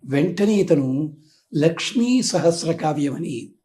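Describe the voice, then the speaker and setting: A man's voice: on the high side, expressive, slow, dark tone. A man, a spiritual teacher, explaining devotion through stories and homely analogies and acting out quoted lines.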